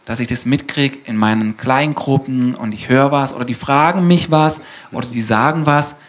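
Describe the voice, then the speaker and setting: A man's voice: medium pitch, normal speed. A man on a church panel with an ordinary mid-range voice. He talks in a reflective, conversational way, often restarting his sentences as he shares his thoughts.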